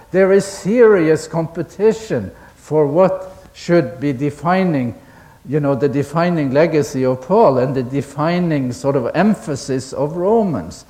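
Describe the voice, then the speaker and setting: Man giving a deliberate academic lecture. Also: on the high side, darkish tone. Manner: deliberate, asks the audience questions, chuckles at own asides.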